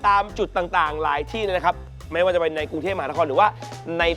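A man playing an eager company boss pitching a project to a client in a sketch comedy, talking loudly and breaking into laughter. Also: fast talker, over music, close to an everyday voice. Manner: loud, animated, breaks into laughter.

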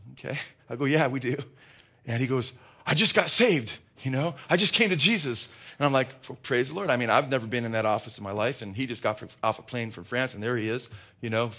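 A middle-aged pastor preaching in a loose, conversational way. He tells personal stories in an animated manner, often restarting sentences and adding quick asides. His voice sits at an ordinary male pitch. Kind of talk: conversational sermon with personal anecdotes.

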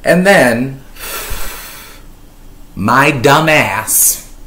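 Speaking extremely slowly and expressively, this thirties Lebanese YouTuber has a very deep, slightly bright voice. She talks casually from her living-room sofa in a commentary vlog, dry, ironic, long-winded and filler-prone, picked up by a webcam at desk distance in an echoing room.

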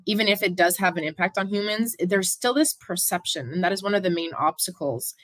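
A woman with a fairly low voice joins an interview show as a guest over a video call. She nurses a sore throat but talks in a friendly, chatty way and laughs easily. Her sound is close and dry. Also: fairly quick, a bit bright, no echo. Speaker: guest, philanthropy consultant. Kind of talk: casual interview chat.

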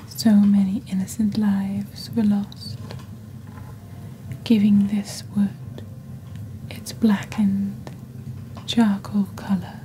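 Speaking very slowly in a soft whisper, a woman ASMR host plays a witchy, composed, eerie seller of cursed goods in a scripted shopping-channel bit, softly acted. Her mid-range voice comes through a close desk studio mic, with a little hiss or hum and low recording quality, in a deliberate, hushed storytelling manner.

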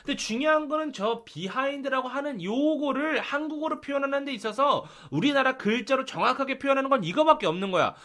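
Lively high-voiced man teaching English. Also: fairly quick, few pauses. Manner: animated, drills pronunciation with repeated prompts. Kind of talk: lively online English lesson.

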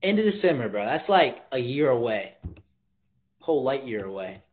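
With a sing-song, medium-pitched voice at normal speed, a teenage streamer chats casually from his bedroom, reading viewers' comments aloud in slang. A phone held at arm's length captures tinny, phone-like audio.

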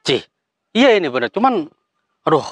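A man's voice: a little high, sing-song, normal speed, breathy edge, dry recording. A man hosting a comedy sketch, talking in fussy, exasperated slapstick banter.

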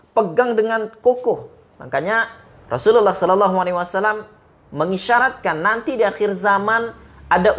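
A man from Medan giving an Islamic sermon, quoting Arabic verses and telling stories with lively, rising and falling emphasis. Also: high-pitched. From Medan, Indonesia. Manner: animated preaching, quotes Arabic verses and retells stories. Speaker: Islamic preacher.

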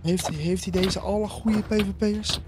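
A man commenting casually on a game with lively, exclamatory reactions. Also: high voice, normal speed, background noise.

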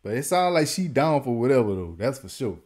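A man hosting a reaction video, with a medium-pitched everyday voice. His talk is loose and casual, full of restarts and repeated words, and easy laughter keeps breaking in. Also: very animated, brisk, darkish tone, faint music behind. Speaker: reaction channel host.

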